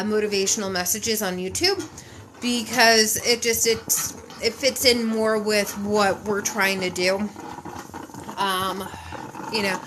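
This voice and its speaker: A woman with a fairly high voice speaks over a noisy background, sniffling from a head cold. As a podcast host and mental health mentor, she chats casually and rambles to viewers on a live stream.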